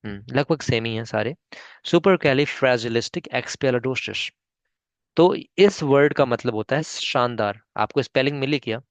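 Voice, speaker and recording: Teaching English conversation online, an Indian-accented man speaks at a medium pitch and normal speed with few pauses. He splits long words into syllables, patiently repeating "ठीक है?" to check in. There's no room sound.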